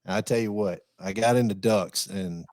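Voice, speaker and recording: A man co-hosting a podcast in a folksy, easygoing chat. His voice sits on the low side and the recording is dry and close. He laughs a lot and repeats himself as he talks. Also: moderate pace, a little mellow, dry recording. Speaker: podcast co-host. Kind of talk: casual chat.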